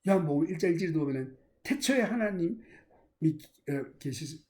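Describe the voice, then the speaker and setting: Male pastor telling a sermon story, high voice, gets loud then drops real soft. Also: lively intonation, brisk. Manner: dramatic storytelling, swinging from loud to hushed.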